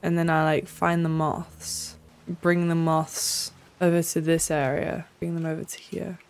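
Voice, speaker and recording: In a small room at home, a young woman streams a game, offering casual, playful commentary and often muttering to herself. Her low voice is smooth and unhurried, with little pitch movement, captured by a close desk mic while she wears a headset.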